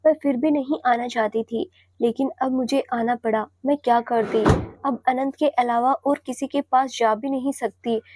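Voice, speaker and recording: Scheming rival, whiny and tearful, as a woman narrator puts her on, high and mellow; audio drama story. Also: steady tone, moderate pace, natural voice. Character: scheming tearful young woman, feigning innocence.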